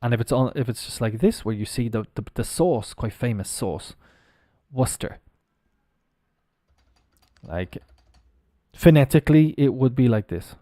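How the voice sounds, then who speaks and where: A man's voice: medium pitch, animated, normal speed, warm tone, no room sound, studio quality. A man teaching English pronunciation on a live stream, spelling words out letter by letter and chatting casually as he goes.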